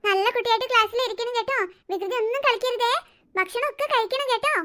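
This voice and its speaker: A woman's voice: very high voice, fast, bright, forceful tone. A woman voicing a fussy cartoon mother of three who scolds and coaxes her children. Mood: coaxing. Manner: scolding, nagging, coaxing. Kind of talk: cartoon voice acting.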